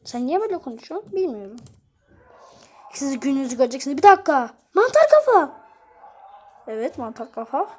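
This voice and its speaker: A woman, a YouTuber, voicing every character in a homemade episode with casual, playful banter and quick switches between voices. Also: high-pitched, expressive, breathy edge.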